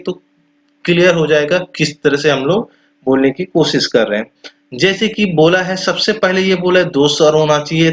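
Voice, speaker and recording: A male teacher with a slightly raised voice explains pronunciation rules, saying each example word slowly and drawing its vowel out. The recording sounds a little dull and lo-fi. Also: on the high side, fairly bright tone. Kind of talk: explanatory lesson.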